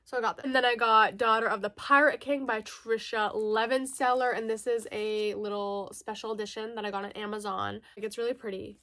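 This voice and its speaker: A woman's voice: on the high side, fairly even intonation, a little fast, hardly any pauses, a bit bright. A woman chatting casually as a book vlogger, giggly and self-correcting, slightly nasal from a lingering mild cold. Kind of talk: casual chatty book haul, reading blurbs aloud.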